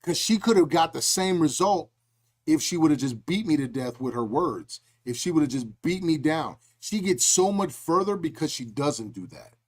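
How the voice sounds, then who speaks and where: A middle-aged man hosting a casual podcast, his voice sitting a touch higher than most men's. He tells his stories with animation and slips into acted-out voices along the way. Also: moderate pace. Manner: animated storytelling, acts out quoted voices. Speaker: podcast host.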